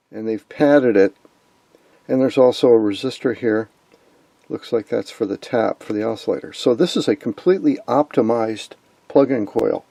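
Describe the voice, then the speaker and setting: An electronics hobbyist hosts an informal technical demonstration of vintage radio gear, explaining as he goes and pausing to point things out. His voice is medium-pitched, gravelly and dark, and the recording is dry.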